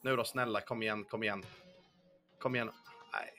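A man's voice: on the low side, steady tone, sharp tone. A young man streaming casino games, chatting casually with his viewers, swearing often and humming along to the music. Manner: answers viewer chat as he plays. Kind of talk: casual livestream chat. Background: faint music.

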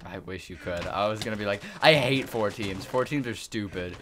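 A man's voice: fairly low pitch, expressive, normal speed, crowd noise. A teenage boy hosting a gameplay video, chatting casually and joking with a friend, laughing often. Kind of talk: casual gaming chat.

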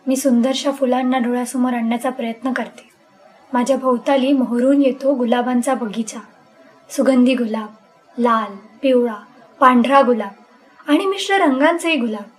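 A woman reading a first-person story in an expressive, intense, dramatic way. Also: sits high, poor audio. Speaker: story reader.

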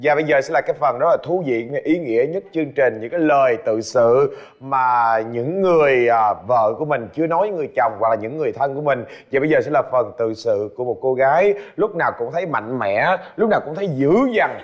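A man's voice: medium pitch, quick pace, hardly any pauses, lo-fi sound, faint music behind. A man hosting a TV game show, playful and teasing with the guests. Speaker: TV show host.

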